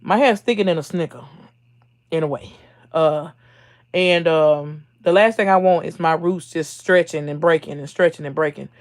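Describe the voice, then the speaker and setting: A woman's voice: low-pitched, moderate pace. A woman hosting her own livestream, chatting casually with viewers, reading their comments aloud and laughing often. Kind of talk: casual live chat.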